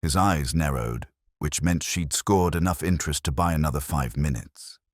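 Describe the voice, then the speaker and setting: An audiobook narrator with an extremely deep voice delivers a scripted first-person noir detective story in a wry, hard-boiled style. He speaks at normal speed, and the studio-quality recording has no echo.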